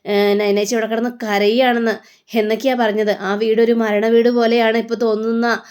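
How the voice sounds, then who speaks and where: A woman's voice: on the high side, little pitch movement, normal speed, a little mellow, clear, resonant tone, close to an everyday voice. A woman voicing a worried young woman, earnestly explaining family troubles. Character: worried young woman reporting bad news.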